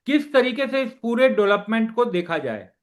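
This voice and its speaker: A male news presenter with a high voice reads a formal introduction and poses a long, carefully built question. His delivery is measured and scripted. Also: big pitch swings. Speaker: news interviewer.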